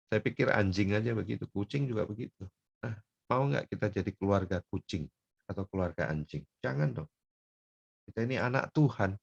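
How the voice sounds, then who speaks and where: An older man from North Sumatra preaching a folksy sermon, dropping to soft murmurs and then rising into loud, emphatic bursts. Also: sits low, creaky, muffled recording. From Pematangsiantar, North Sumatra.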